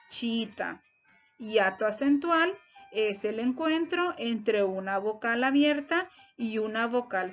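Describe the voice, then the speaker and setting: A woman teacher, giving a recorded spelling lesson to students with careful, example-led explanations. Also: on the high side. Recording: dull lo-fi recording with faint music.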